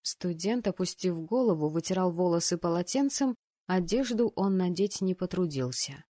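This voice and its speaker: The recording is dry and close, with no room sound around a woman's slightly low voice. She reads a first-person fantasy novel and gives the boys' jeers and shouts sudden lifts in pitch and loudness. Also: animated, moderate pace, no echo. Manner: voices the rowdy students' shouts with bursts of pitch and volume. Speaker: audiobook narrator. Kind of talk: first-person fantasy narration with acted dialogue.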